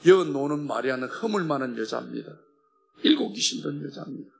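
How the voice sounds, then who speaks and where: Gravelly Gyeongsang man giving church testimony. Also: fairly high pitch, expressive, brisk, soft background music. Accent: Gyeongsang Korean. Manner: impassioned, swinging from loud to hushed. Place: church worship hall.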